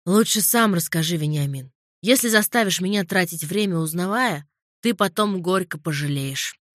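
A woman's voice: fairly low pitch, moderate pace, a bit bright, no room sound, studio quality. Woman doing a stern male investigator. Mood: threatening. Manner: firm, probing, threatening.

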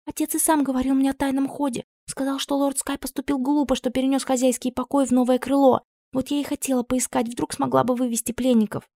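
A woman voicing an earnest young girl who serves as a maid, with a high, pleading voice. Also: flat delivery, fast talker, few pauses, dark tone, dry recording, studio quality.

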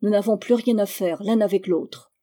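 A woman voicing a jealous, drunken island man who speaks in hushed, threatening tones in an audiobook reading. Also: mid-range voice, steady tone, moderate pace, natural voice. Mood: grim.

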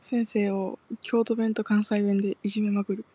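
A woman's voice: mid-range voice, little pitch movement, moderate pace, mellow, no echo. A woman with a Kansai accent, teasing and coaxing in a casual group chat.

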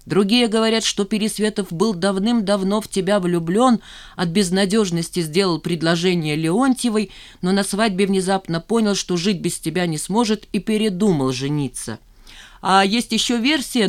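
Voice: mid-range voice, normal speed, voice pushed up, lightly acted. A reader doing a nosy gossiping male friend. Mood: gossipy. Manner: gossipy, animated. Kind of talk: audiobook character voice.

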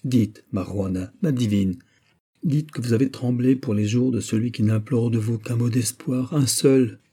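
A man's voice: mid-range voice, moderate pace, dark tone, husky. A man voicing a dashing young naval captain who pleads fervently with his beloved, in a storybook reading. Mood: pleading.

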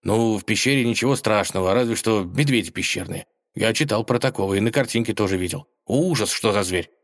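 A man's voice: fairly low pitch, vocal fry. A man voicing an anxious, talkative male wolf who rambles and frets. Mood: fretful. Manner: fretful, rambling, slow.

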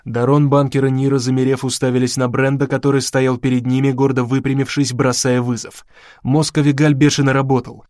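A man narrating an audiobook in a measured, dramatic way. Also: mid-range voice, level tone, a little mellow, no room sound, clean studio sound.

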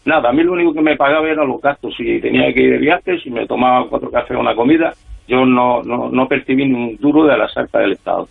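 Over a tinny telephone line, an older man who once worked as a freelance spy tells his story at length in a radio interview. His medium-pitched voice is gravelly and husky, moving at a quick pace, with many fillers and restarts.

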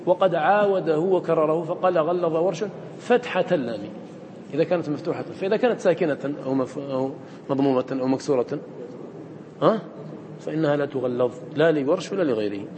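A man's voice: on the high side, quick pace. A man teaching a recitation lesson, explaining step by step and quizzing his students with short questions. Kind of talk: classroom lesson explaining a poem. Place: lecture room with students. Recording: echoey hall with faint noise.

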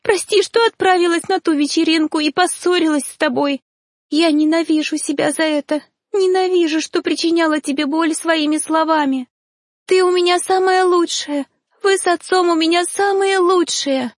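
A grief-stricken young ghost girl, as a woman reader puts her on in an audiobook, crying and begging in a high, strained voice that climbs far above the narration. The reading is close and dry, with no room sound. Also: moderate pace, mellow, breathy edge, no echo. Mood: sobbing, pleading. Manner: high, tearful, pleading cries.

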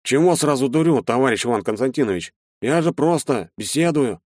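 A man's voice: medium pitch, animated, a little fast, a little mellow, no echo, studio quality, pitched above the performer's own voice, close to an everyday voice. A man doing a spiteful young recruit. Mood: whining. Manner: whiny, then hissing threats through teeth. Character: young male brawling recruit, surly and spiteful. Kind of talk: audiobook character voice.

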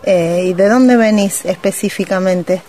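A woman with an Argentine accent hosting a radio interview, attentive and prompting with soft acknowledgments. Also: mid-range voice, measured pace, a little hiss or hum. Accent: Argentine Spanish. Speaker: radio host.

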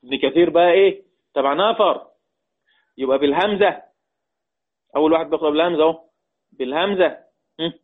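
Man, Egyptian Arabic accent, Quran teacher, quizzes the class, chants readings slowly, tinny phone-line sound. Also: on the high side.

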